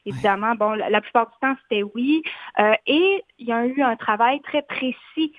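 Une femme avec un accent de la Haute-Côte-Nord, autrice invitée en entrevue radio, qui parle de façon réfléchie avec beaucoup d'hésitations. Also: female voice, fairly high pitch, moderate pace, no echo. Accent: Haute-Côte-Nord Quebec French. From Côte-Nord, Quebec. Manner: thoughtful, many fillers. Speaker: author guest. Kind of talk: radio interview. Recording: tinny phone-like line, dry.

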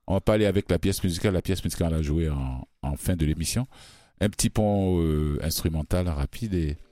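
A man hosting a radio show, chatting casually, excitable, repeating words and stammering. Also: low voice, fast, dry recording, clean studio sound. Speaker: radio host.

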